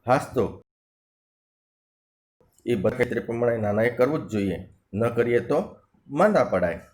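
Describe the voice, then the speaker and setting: A man's voice: medium pitch, expressive, measured pace, darkish tone. A male teacher reading a textbook story aloud, stopping after each passage to restate it and explain the harder words, and acting out the dialogue lines. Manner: reads a passage, then restates and glosses words; acts out dialogue lines in a shifted voice.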